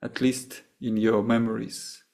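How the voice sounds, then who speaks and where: The speaker is a meditation teacher from Russia taking questions once the session ends, his Russian accent clear as he falters and restarts in search of words. Medium in pitch and flat in delivery, his voice carries vocal fry and a slightly mellow color.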